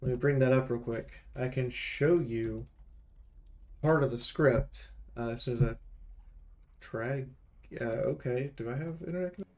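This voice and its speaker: This game reviewer's mid-range voice runs at normal speed but breaks into long pauses. His off-the-cuff commentary is animated, opinionated and rambling, peppered with slang.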